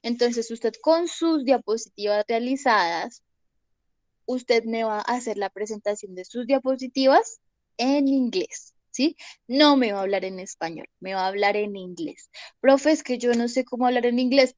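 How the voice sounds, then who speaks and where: A woman's voice: fairly high pitch, moderate pace, a little mellow, no echo, rough recording. A young adult woman teaching an online English class from home into her phone microphone. She explains step by step and keeps checking that students follow.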